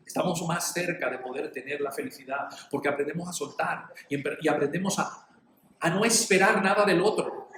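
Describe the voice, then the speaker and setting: A middle-aged male pastor preaches in a lively, conversational way, slipping into short acted exchanges to make his point. His voice sits a little high for a man. The sound rings in an echoey room over a faint hum of ambience. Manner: animated, acts out little dialogues. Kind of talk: sermon.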